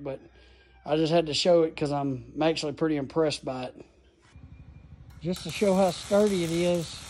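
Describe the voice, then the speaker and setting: Man, high-pitched voice, chatty and excited DIY reviewer, phone mic, faint noise behind. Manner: enthusiastic, folksy, rambling explanations. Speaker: tool reviewer. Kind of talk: casual phone-filmed tool review. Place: outdoors in a gravel yard, then a garage. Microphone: phone camera held in hand.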